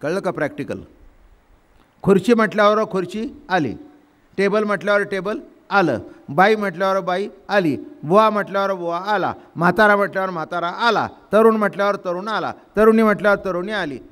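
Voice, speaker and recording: An older man preaching a Marathi kirtan, telling homely stories and acting out family voices. He quotes verses in a chanting lilt and puts questions to the audience. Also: brisk. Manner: asks the audience questions and drops to a soft, low voice when explaining. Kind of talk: devotional kirtan discourse.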